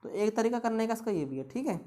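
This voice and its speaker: A woman's voice: fairly high pitch, expressive, fast, mellow. Woman walking through math steps. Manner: talks through each step with constant rhetorical questions. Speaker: math tutor. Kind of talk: exam-prep math lesson.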